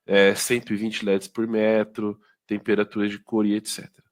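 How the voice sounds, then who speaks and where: A man with a fairly low voice and a Brazilian Portuguese accent walks sales staff through products. He talks informally, with frequent fillers and tag questions. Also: completely flat delivery, moderate pace. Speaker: product presenter. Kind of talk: informal sales training talk.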